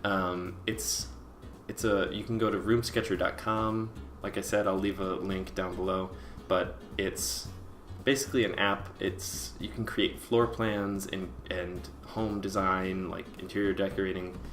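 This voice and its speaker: A man giving a casual, rambling voice-over in a hesitant, self-deprecating way, with vocal fry at the ends of his phrases. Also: sits low, flat delivery, measured pace, hardly any pauses, a bit bright, soft background music. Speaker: webcomic artist and video creator.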